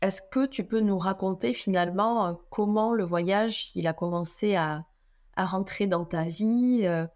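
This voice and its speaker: A woman's voice: medium pitch, measured pace, darkish tone. A woman hosting a podcast, asking long, rambling questions with frequent hesitations. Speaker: podcast host. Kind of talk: conversational interview questions.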